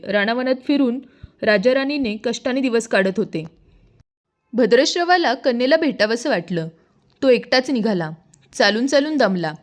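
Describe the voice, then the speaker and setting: A woman narrating a devotional folk tale and acting out the characters' quoted lines with feeling. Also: a little high. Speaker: storyteller.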